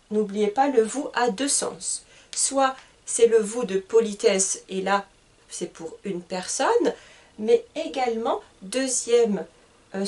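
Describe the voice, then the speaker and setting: A woman from France teaching a beginner French lesson, speaking slowly and deliberately and repeating each example question. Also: a little high, a little mellow, recorded from a distance. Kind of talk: slow, deliberate language lesson.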